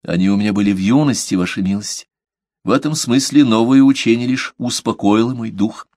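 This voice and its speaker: Man doing a calm polite merchant, quietly firm, lowish voice, dry close audio. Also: a little fast, dry recording, natural voice. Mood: composed. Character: calm devout male merchant under questioning. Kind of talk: audiobook character reading.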